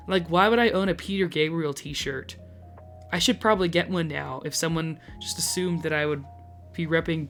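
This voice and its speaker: Hoarse man reviewing movies. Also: on the high side, a bit bright. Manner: candid, critical, chatty with frequent fillers. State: hoarse, recovering from flu. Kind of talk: movie review narration and casual to-camera chat.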